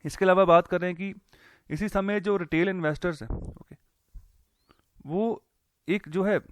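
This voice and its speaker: A man's voice: sits high, steady tone, measured pace, a little hiss or hum. A man teaching economics in a casual lecture, walking through a newspaper editorial in a conversational way, with lots of fillers and English terms mixed in.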